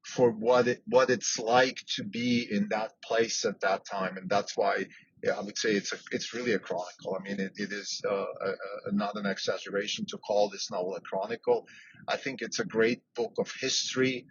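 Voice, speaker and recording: A man's voice: lowish voice, fairly even intonation, moderate pace. A man who grew up in Switzerland, hosting a solo podcast and thinking aloud, with frequent fillers and restarts. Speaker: podcast host. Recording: dull lo-fi sound with faint background noise.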